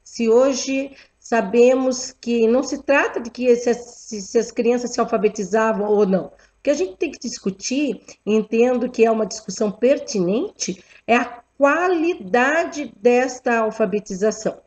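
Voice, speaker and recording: A woman, lecturing teachers in a deliberate way and checking in with rhetorical questions. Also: fairly high pitch, darkish tone. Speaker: teacher educator. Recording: dull lo-fi recording.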